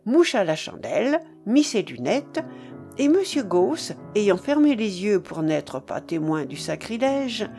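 A woman narrating a novel aloud at a slow, unhurried pace. Her pitch rises and falls with lively expression across each sentence. She sits at a middle pitch. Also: creaky, soft background music. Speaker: reader.

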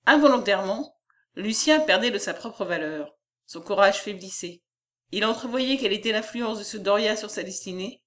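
A woman narrating a classic novel in a measured reading style. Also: mid-range voice, fairly bright tone. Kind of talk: scripted narration.

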